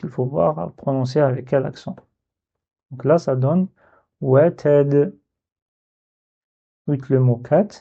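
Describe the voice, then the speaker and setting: A man teaching Arabic letter reading in a slow step-by-step lesson, patiently spelling out syllables and repeating them. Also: medium pitch, mellow, slightly rough, dull audio.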